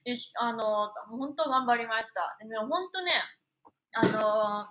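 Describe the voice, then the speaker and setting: A young woman from Japan, a singer chatting casually on her live stream, animated and quick to laugh. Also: fairly high pitch, background noise.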